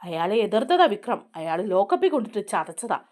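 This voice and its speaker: A woman voicing a firm, protective young wife who explains herself earnestly, in a lively voice. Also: medium pitch, fairly quick, natural voice. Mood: earnest, defending.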